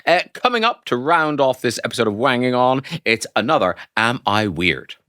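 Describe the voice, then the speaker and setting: A man's voice: mid-range voice, animated, normal speed, bright, forceful tone, clean tone, no echo, clean studio sound. A man co-hosting a casual advice podcast, playful and jokey, laughing often. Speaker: podcast co-host.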